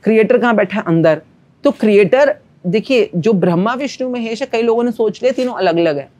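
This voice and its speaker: A woman's voice: on the high side, lively intonation, fairly quick, warm tone. A woman, a manifestation coach, speaking as a podcast guest and explaining ideas in an earnest, teacherly way with everyday analogies. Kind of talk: spiritual podcast conversation.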